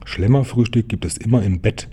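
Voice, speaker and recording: A man's voice: on the low side, a little fast, mellow, breathy edge. A man voicing a lazy, cheerful little pig in a children's storybook, coaxing and sweet-talking.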